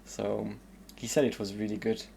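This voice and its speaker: A man from the southern suburbs of Paris, speaking with a French accent, chats casually as a streamer while playing a game, thinking aloud with plenty of hesitant fillers. His lowish voice is flat and mellow with vocal fry, moving at a moderate pace. There's a little hiss or hum in the background.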